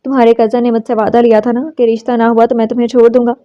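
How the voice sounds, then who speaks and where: A woman voicing a reserved young man who talks in a quiet, detached and weary way in an audiobook novel. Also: on the high side, flat delivery, close to an everyday voice. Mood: resigned. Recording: slightly dull lo-fi recording.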